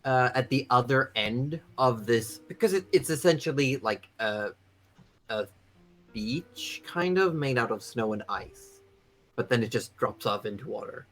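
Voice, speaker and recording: A man's voice: medium pitch, lively intonation, measured pace, fairly bright tone, faint music behind. A man narrating a tabletop game as game master, improvising and often repeating phrases as he goes.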